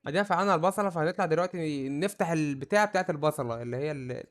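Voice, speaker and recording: A young man with an Egyptian Arabic accent giving let's-play commentary, jumpy and prone to sudden yelps and shouts when startled. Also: a little high, racing. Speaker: gamer.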